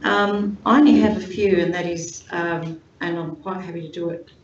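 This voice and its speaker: A woman's voice: lowish voice, steady tone. A woman speaking as a city councillor in a committee meeting, apologetic and hesitant. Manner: apologetic, hesitant, then hurried. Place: council chamber. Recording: echoey, dull room recording from a distance with noise.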